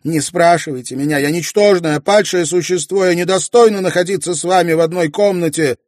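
Guy doing a scared young maid, crying and pleading, high-pitched and loud, storybook reading. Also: expressive, fairly quick, no echo, clean studio sound. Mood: ashamed tearful. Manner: pleading, sobbing. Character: distraught young woman maid, timid and tearful. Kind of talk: audiobook character voice.

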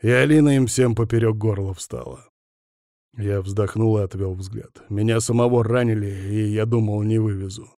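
Male audiobook narrator, gruff, curt, mellow dark tone, dry close mic. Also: fairly low pitch, fairly even intonation, normal speed, no echo. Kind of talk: first-person audiobook narration.

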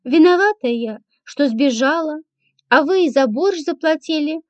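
A woman's voice: sits high, animated, normal speed, darkish tone, no echo. A woman voicing a sly, fawning young ex-servant who wheedles, giggles and sighs. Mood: wheedling. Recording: dull lo-fi, dry.

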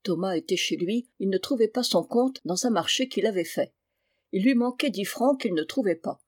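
A woman's voice: mid-range voice, expressive, normal speed, darkish tone, no room sound, studio quality. Woman reading a classic novel aloud. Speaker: reader. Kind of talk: audiobook narration of a classic novel.

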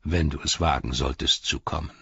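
A man voicing a sneering dark herald. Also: rumbling low, steady tone, fairly quick, vocal fry, husky, no room sound, dull audio, exaggerated voice. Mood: mocking. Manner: taunting, scornful, gloating. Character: sneering, mocking male herald of a dark lord.

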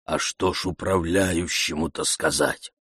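A man's voice: low voice, steady tone, unhurried, fairly bright tone, breathy edge, no echo, studio quality, heavily acted. A man doing a grumbling old manservant. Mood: pleading. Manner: humble, muttering pleas. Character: old male servant, timid and grumbling. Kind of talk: audiobook reading.

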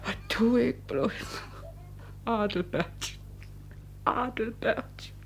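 A middle-aged charwoman, coaxing then menacing, slightly high voice; old radio play with faint hiss. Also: drawn-out words, gravelly, exaggerated voice. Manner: coaxing, then threatening, muttering under her breath. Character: middle-aged Berlin cleaning woman, desperate and menacing. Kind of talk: 1950s radio play acting.

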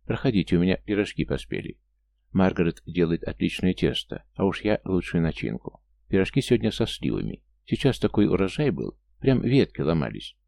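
A man's voice: low-pitched, very animated, fairly quick, creaky, mellow, no echo, full character voice. A man voicing a falsely sweet, gushing middle-aged aunt in an audiobook. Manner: sugary, effusive.

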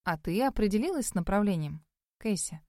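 A woman voicing a calm female librarian teacher who speaks in a measured way. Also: mid-range voice, no echo, studio quality, natural voice. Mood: calm, firm.

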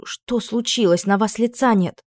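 A woman voicing a gentle, anxious young prince who speaks softly and quietly. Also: fairly high pitch, measured pace, dry recording, studio quality, voice pushed up. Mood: alarmed.

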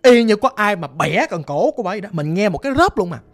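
Animated Southern Vietnamese ghost storyteller. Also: medium pitch, fast talker. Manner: animated, dramatic, talks directly to the listener. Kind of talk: casual oral storytelling. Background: faint music.

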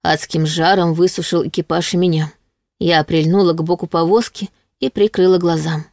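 A woman narrating a story in the first person, calm and even. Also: lowish voice, moderate pace, dry recording, clean studio sound. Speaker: audiobook narrator.

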